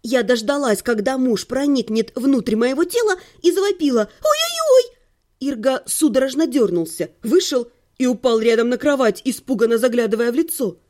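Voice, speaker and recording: A woman's voice: on the high side, lively intonation, moderate pace, hardly any pauses, darkish tone. A woman reading a humorous first-person audiobook at home, with a playful, ironic delivery and theatrical exclamations. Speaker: audiobook reader. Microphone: home recording.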